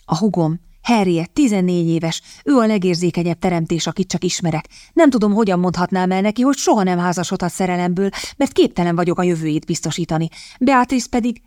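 A proud, strong-willed young lady who presses her point with sharp insistence, voiced by a woman narrator. Her voice sits fairly low, in a dry, close recording without any room sound. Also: few pauses, dry recording, close to an everyday voice. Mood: indignant.

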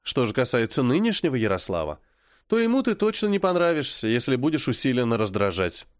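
Cool, scolding older sister, voiced by a man, dry and steady. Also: medium pitch, brisk, clear, resonant tone, dry recording, lightly acted. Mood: lecturing. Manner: cool, lecturing, sharp.

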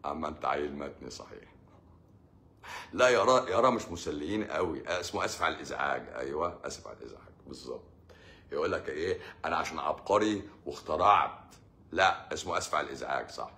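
A man with an Egyptian accent answers comments on a live stream in a casual, sarcastic way, acting out what his patients say. His voice sits low but comes across bright and forceful. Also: expressive, quick pace. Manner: sarcastic, joking, acts out patients' lines.

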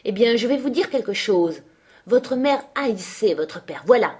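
A woman's voice: fairly high pitch, animated, unhurried, darkish tone, slightly rough, voice pushed up. A woman reading aloud, voicing a sickly, spiteful teenage boy with a whiny, taunting manner.

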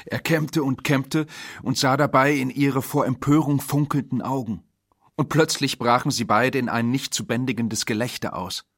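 A man reads a story aloud in a calm, sustained way. His voice is husky. The recording is dry. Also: medium pitch, normal speed, no room sound. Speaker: literary reader. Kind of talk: expressive literary reading.

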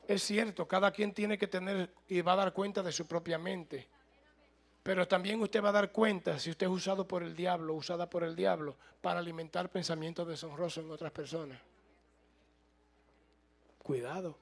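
High, gravelly-voiced preaching man. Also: steady tone, moderate pace. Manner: preaching, rising to loud emphatic bursts, asks the room. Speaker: pastor. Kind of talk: sermon.

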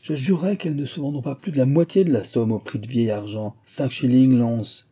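A proud, sharp-tongued mother scolds her household with open scorn, as a man reading aloud puts her on. Her voice stays dark and husky, the tone indignant and cutting. It is a storybook reading. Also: medium pitch, lively intonation, normal speed.

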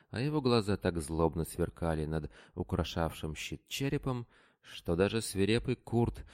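A man narrating an adventure audiobook in a steady, dramatic storytelling manner. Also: deep voice.

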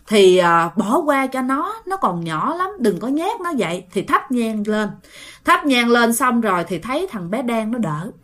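A woman's voice: fairly high pitch, fairly bright tone. A woman telling a ghost story in a casual, chatty way, talking straight to her listeners. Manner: chatty, addresses listeners directly.

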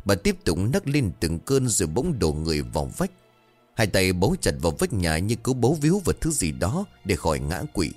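A man narrating a horror story in a dramatic, expressive reading. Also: low-pitched, fairly quick, faint music behind.

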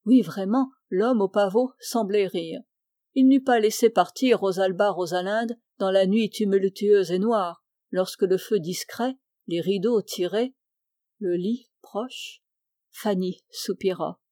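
Une femme lit un roman classique d'une voix posée et mesurée. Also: female voice, mid-range voice, takes it slowly, warm tone, no echo, studio quality. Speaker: audiobook reader. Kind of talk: literary audiobook narration.

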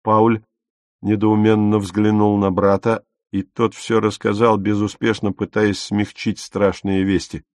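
Man, audiobook narrator, low voice, dry close sound. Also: level tone, a little slow, darkish tone, no echo.

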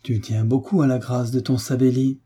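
A man's voice: medium pitch, little pitch movement, normal speed, dark tone, husky, lightly acted. A man reading a smug landowner. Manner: smiling, teasing, condescending. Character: smug landowner master, mocking and commanding.

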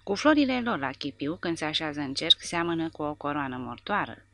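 A woman's voice: sits low, sing-song, pushed and bright, no room sound, full character voice. Woman voicing a bitter, grumbling soldier. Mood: sour. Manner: sour, complaining.

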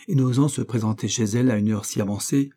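Dark, husky male audiobook narrator. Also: medium pitch. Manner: measured, expressive storytelling. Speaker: audiobook reader.

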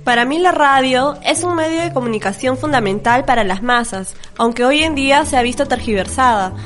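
A woman's voice: sits high, animated, fairly quick, a bit bright. A nineteen-year-old woman with a Peruvian accent from Lima, from university radio, speaking earnestly in formal phrases. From Peru. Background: music.

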